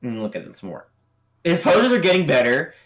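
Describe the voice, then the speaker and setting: A man's voice: a little high, wildly swooping pitch, brisk, a bit bright. Laid-back young man chatting on stream. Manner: laid-back, laughs often, trails off and restarts. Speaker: co-host judging animation entries. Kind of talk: casual livestream chat.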